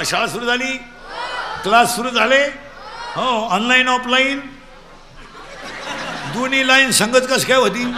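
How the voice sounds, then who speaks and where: A man from Maharashtra delivering a comic devotional sermon, loudly quizzing his audience and urging them to shout back answers. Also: very high voice, a little hiss or hum. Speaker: kirtan preacher.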